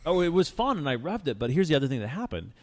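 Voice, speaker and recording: A man hosting a casual car talk show, telling stories in a relaxed, rambling way with many restarts. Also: a little high, fast. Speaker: podcast host.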